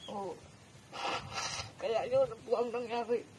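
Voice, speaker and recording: A woman's voice: fairly high pitch, fairly even intonation, slow, noisy background. Older woman recounting hardship earnestly. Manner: earnest, tearful, retells her own quoted words. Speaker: grandmother telling her family's story. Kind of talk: emotional personal account.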